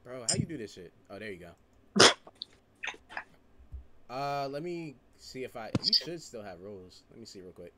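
A man's voice: mid-range voice, big pitch swings, normal speed, long pauses, very noisy. A young man hosting an online blind date game, talking loose and slangy into a headset. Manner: loose slangy talk, easygoing, organizing the call. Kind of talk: casual streamed chat on a group video call. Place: indoor room, streaming setup.

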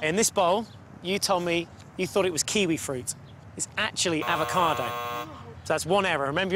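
High-pitched man hosting a kids' game show. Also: background noise. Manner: upbeat, coaxing, guiding contestants step by step. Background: background music.

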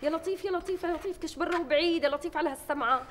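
Brief: fussy shrill woman, quick, reverberant. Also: slight background noise. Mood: scandalized.

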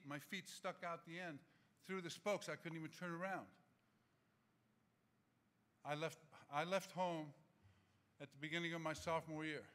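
Bright-voiced man telling stories on stage. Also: on the high side. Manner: animated, gesturing, humorous anecdotes. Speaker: award honoree giving acceptance speech. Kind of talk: storytelling acceptance speech. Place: large auditorium stage. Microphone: podium microphone.

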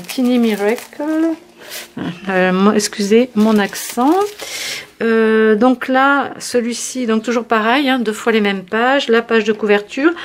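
A woman's voice: on the high side, slight background noise. A woman hosting a craft channel, chatting casually through a product review with many fillers and restarts. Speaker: scrapbooking channel host.

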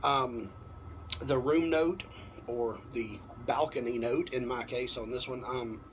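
A man in his thirties gives a casual, unhurried product review to camera, often halting as he thinks aloud. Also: medium pitch. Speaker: pipe tobacco reviewer. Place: apartment balcony at night. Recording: clearly noisy, outdoor ambience.

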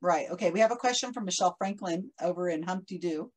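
A woman interviews a podcast host in a relaxed, casual chat, laughing often as she reads viewer comments aloud. Her voice is on the low side and quick, and the recording quality is poor.

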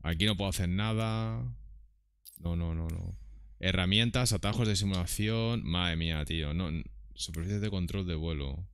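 A man's voice: deep voice, normal speed, creaky, clean tone, no room sound. A man streaming a game, muttering to himself with exasperation while reading menu options aloud. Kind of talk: live gameplay commentary.

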